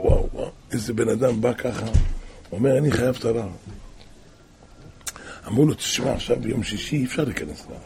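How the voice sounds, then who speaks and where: Gravelly man preaching a tale, crying out. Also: slight background noise. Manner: shifts from hushed low asides to loud cried-out repetitions. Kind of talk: storytelling sermon.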